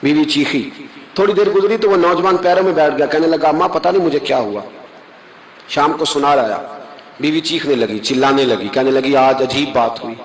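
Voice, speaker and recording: A man's voice: fairly high pitch, reverberant, rough recording. A man preaching a sermon, telling moral stories with emphatic rises and acting out quoted voices.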